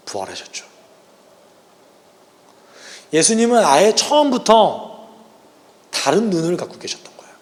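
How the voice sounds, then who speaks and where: High-voiced male pastor in a reverberant church. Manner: earnest preaching that swings between hushed and raised passages. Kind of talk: sermon and closing prayer. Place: church sanctuary. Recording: long church-hall reverb with soft instrumental music.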